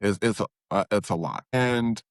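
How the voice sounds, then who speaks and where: Low-voiced man telling his life story. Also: animated, no room sound, studio quality. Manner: candid, halting with restarts and acted-out quotes. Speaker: guest. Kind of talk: personal storytelling interview.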